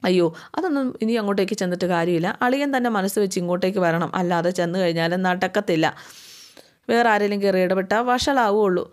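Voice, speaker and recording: A gruff, no-nonsense uncle who lectures the young men and lays down the law, as a woman storyteller puts him on. He sounds steady and matter-of-fact, in the voice of a spoken story retelling. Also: medium pitch, quick pace, close to an everyday voice. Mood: lecturing. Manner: blunt, lecturing. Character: older man, blunt scolding uncle figure.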